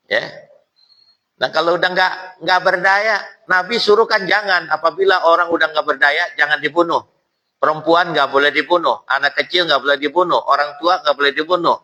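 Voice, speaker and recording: Bright-voiced preacher, lively and jokey. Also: male voice, fairly high pitch, low-quality recording. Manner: lively, jokey, colloquial, acts out quotes. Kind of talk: mosque study-circle sermon.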